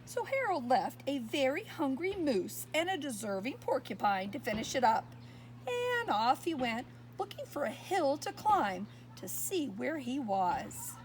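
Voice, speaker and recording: A woman reading a picture book aloud to young children, expressive and pausing to ask her listeners questions. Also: sits high, rough recording. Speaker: storyteller.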